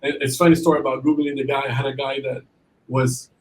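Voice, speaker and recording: A man of ordinary pitch gives interview advice as a podcast guest. His talk rambles, looping through restarts and a steady stream of "you know"s. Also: fast, low-quality recording. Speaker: admissions consultant guest.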